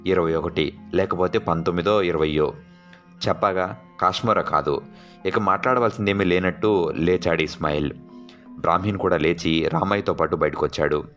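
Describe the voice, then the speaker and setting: A man with a very low voice reads a horror story aloud as a narrator. He carries the characters' dialogue with small shifts of voice, and soft music plays underneath. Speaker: audiobook narrator.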